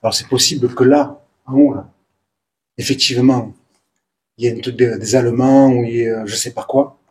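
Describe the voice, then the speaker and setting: A man with a southern French Provençal accent, vlogging as he explores the ruins of an abandoned building. He talks excitably, repeats words and drops to hushed mutters. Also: mid-range voice, brisk. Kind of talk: exploring and narrating to camera.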